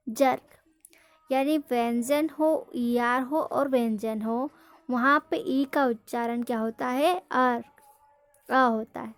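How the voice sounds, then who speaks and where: A high-pitched woman teaches pronunciation at a deliberate, unhurried pace. She spells out each word, asks a question and answers it herself. Her voice is close and dry, with no room around it. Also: no echo. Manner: slow, drilling, asks questions then answers them. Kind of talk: classroom-style lesson.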